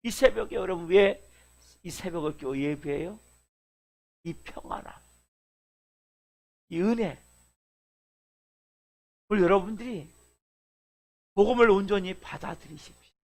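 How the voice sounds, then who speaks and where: A middle-aged man preaching a dawn sermon in a high voice. He keeps asking his listeners rhetorical questions and presses his point by repeating key words. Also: normal speed, vocal fry, pauses often. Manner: rhetorical questions, emphatic repetition. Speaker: pastor.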